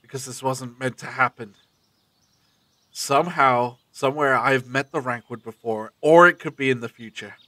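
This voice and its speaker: A man playing a brisk, secretive time-travelling adventurer in an audio drama, with a commanding, theatrical, abrupt manner. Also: medium pitch, pushed and bright, no room sound, natural voice.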